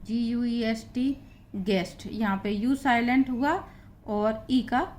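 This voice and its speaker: A woman's voice: on the high side, fairly even intonation, slow pace, a little mellow, a little hiss or hum. A woman with a Hindi accent teaching English pronunciation rules, spelling out letters and patiently repeating example words. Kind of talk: blackboard lesson explaining spelling rules.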